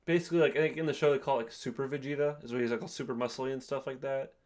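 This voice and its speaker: A young man explains things in a relaxed, everyday voice at a middle pitch. His talk is loose and full of "like", as a fan recaps for a friend. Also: very fast. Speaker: co-host. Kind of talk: casual chat.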